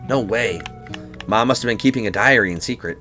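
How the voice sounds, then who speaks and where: A cocky young male street tough from a video game, read aloud by a man in his own voice. He talks gruff and teasing, with a sharp, bright tone. Faint game music plays underneath. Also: fairly low pitch, brisk.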